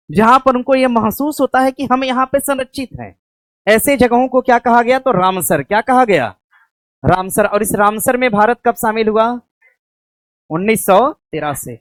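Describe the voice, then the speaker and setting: A woman teacher, lecturing an exam-prep class. She asks questions, answers them herself and slowly dictates notes. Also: fairly high pitch, no room sound. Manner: slow dictation of notes to write down.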